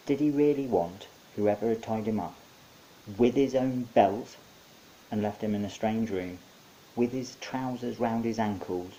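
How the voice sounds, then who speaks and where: A man narrates his own short story in a wry, conversational way, his voice lowish and dark in tone. The recording is rough, with a faint hiss in the background.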